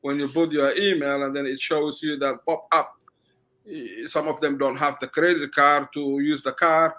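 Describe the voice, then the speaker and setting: A middle-aged man from Somalia with a Somali accent, chatting as an interview guest in halting, restarting sentences. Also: a little high, flat delivery, pushed and bright. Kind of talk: casual interview talk.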